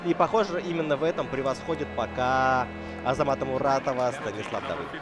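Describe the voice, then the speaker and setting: A man's voice: medium pitch, fast talker, over music. A man giving live esports hockey commentary in a conversational, analytical way, with frequent hesitations. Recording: noisy venue with crowd behind the voice. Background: crowd and venue noise.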